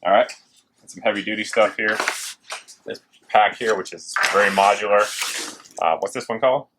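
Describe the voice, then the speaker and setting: Speaking at a normal speed with fairly even intonation, a man with a lowish voice presents gear casually and excitedly to the camera. He's the host of a review video shot in a working factory, with machine noise and clicks in the background.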